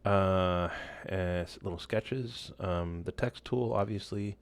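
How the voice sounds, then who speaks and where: A man walking through a software tool in a casual screen-share tutorial, loose and relaxed, with many fillers and restarts. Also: on the low side, takes it slowly, gravelly, no echo. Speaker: instructor.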